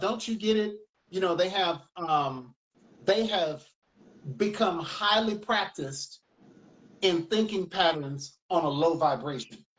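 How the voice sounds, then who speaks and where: A man's voice: high voice, rough recording. A man from the United States, a music teacher, telling stories in a casual, rambling interview chat. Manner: animated, rambling storyteller.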